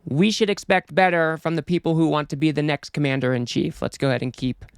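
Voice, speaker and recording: A man's voice: a little high, steady tone, quick pace, creaky, smooth, dry recording, studio quality. Exasperated man hosting political commentary. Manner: exasperated, scornful.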